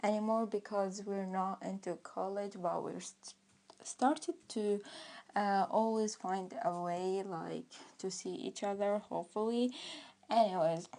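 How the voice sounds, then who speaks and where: Slow, rambling young woman vlogger. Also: medium pitch, darkish tone. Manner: rambling, hesitant, with frequent fillers and restarts. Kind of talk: casual story time.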